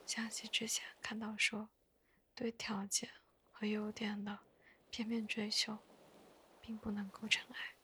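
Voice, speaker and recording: A woman chatting in a soft, breathy whisper for bedtime listening, hushed and gently unhurried, close to the mic. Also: medium pitch, completely flat delivery, a little hiss or hum. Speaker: host of a bedtime podcast.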